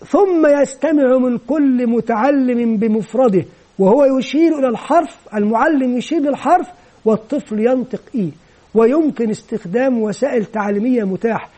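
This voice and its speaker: A man with a very high-pitched voice that is also dark and mellow in tone. He lectures in a calm, methodical way, laying out each step of a classroom method in order. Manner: measured, methodical explaining. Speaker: teacher trainer. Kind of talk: explanatory lecture on teaching method.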